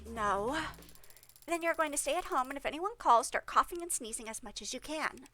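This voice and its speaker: A woman voicing a chipper young female office assistant who bosses her boss around with brisk plans. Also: high voice, animated, bright, forceful tone, soft background music. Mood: bossy. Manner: bossy, brisk, fast-scheming.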